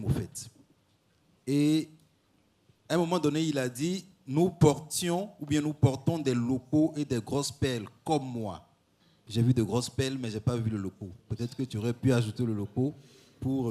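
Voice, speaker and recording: A man's voice: mid-range voice, warm tone. A man on a jury giving direct advice to a contestant, often closing points with a short "voilà". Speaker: jury member. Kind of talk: spoken critique of a performance.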